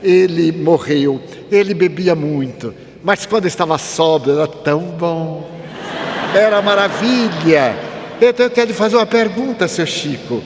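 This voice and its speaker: A man's voice: on the high side, expressive, normal speed, noisy background. A man voicing a grieving widow who pleads earnestly, in a reverberant hall. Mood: pleading. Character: grieving widow, middle-aged woman, earnest. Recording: reverberant hall, faint ambience.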